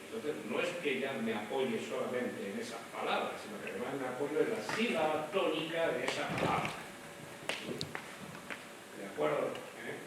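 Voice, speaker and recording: A man teaching a voice class, lively and demonstrative, speaking straight to his students. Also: medium pitch, moderate pace. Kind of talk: classroom lecture. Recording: echoey room, mic from far off, noisy.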